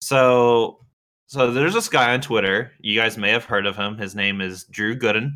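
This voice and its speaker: A man's voice: lowish voice, normal speed, sharp tone. A young man co-hosting a casual podcast, rambling with lots of fillers and laughing often. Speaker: podcast co-host. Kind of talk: casual chat.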